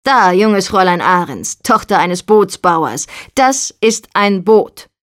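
A woman's voice: medium pitch, expressive, slow pace, a bit bright. Woman doing a condescending arrogant young man. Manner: condescending, lecturing. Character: arrogant bossy young man, boat builder's colleague.

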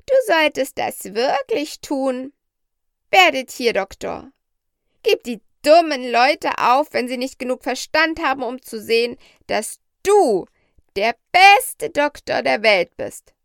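Woman putting on a bossy parrot, high-ish and super slow, lecturing, dry close sound. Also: lively intonation, vocal fry, fairly bright tone, no room sound, exaggerated voice. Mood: insistent. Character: proud, bossy female talking parrot. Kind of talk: storybook reading.

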